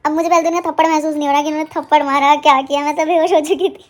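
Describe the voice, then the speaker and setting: A young woman vlogger telling a personal story to the camera in a casual, animated way, acting out what others said. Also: high voice, racing.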